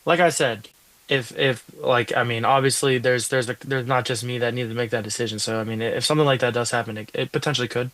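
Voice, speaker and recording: Quick talking host guy, hedges everything, dry close sound. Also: mid-range voice, fairly even intonation, fairly bright tone, no room sound. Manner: hedging, lots of fillers and restarts. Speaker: stream host. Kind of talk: casual interview chat.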